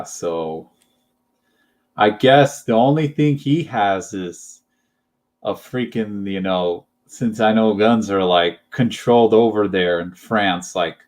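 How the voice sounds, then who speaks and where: A man's voice: fairly low pitch, a little mellow. A young man chatting casually as a channel host, rambling and hesitant, full of fillers and little laughs. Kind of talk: casual chat.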